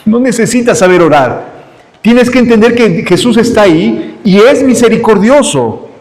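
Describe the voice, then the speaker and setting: A man's voice: high-pitched, animated, moderate pace, a little mellow, poor audio. A man preaching a sermon, emphatic, acting out the cries and voices of the scripture story.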